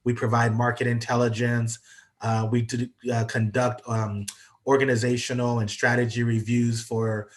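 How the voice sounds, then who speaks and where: This is a man from the United States presenting online as a guest speaker via video call, his nose stuffed up from allergies. He speaks at a moderate pace in a mid-range voice with little pitch movement, hesitating and using many fillers like um and uh.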